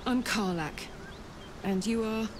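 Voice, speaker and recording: A woman's voice: on the high side, slow, noisy background. An actress voicing a brash, hot-tempered female tiefling soldier in a video game, blunt and cocky. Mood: brash, confiding. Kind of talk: video game character dialogue.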